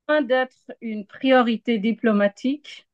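Unhurried and fairly high-voiced, a woman raised in Argentina answers as a journalist in a live interview analysis, heard in a dry, close, lo-fi recording. She takes her time, hesitating over her word choices and repeating words for emphasis.

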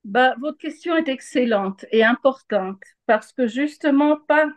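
Giving live interview analysis, a journalist raised in Argentina speaks with a fairly high, animated voice, unhurried and captured dry and close without echo. She pauses to find her words and repeats them for emphasis.

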